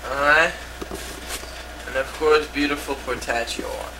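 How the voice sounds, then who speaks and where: This old VHS home video, shot indoors at home, has a man showing off his comics while imitating a TV presenter. His mid-range voice is a little slow with fairly even intonation, and the camcorder mic across the room makes the tape hissy and distant.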